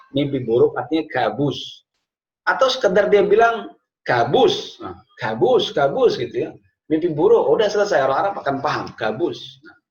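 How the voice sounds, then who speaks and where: A man teaching an online class, telling lively stories and mixing in Arabic phrases. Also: fairly high pitch. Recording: echoey, dull lo-fi room sound.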